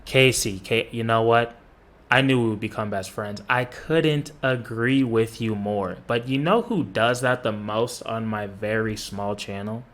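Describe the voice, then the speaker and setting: A man's voice: lowish voice, measured pace, fairly bright tone. A man doing reaction commentary on a basketball video, with sarcastic, profane trash talk.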